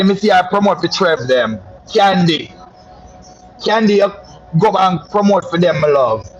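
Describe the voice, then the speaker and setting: In dull audio, a slightly high-voiced Jamaican man, a social media personality, spins a story through relaxed patois chat. He's flashy and boastful, addressing listeners as "my love."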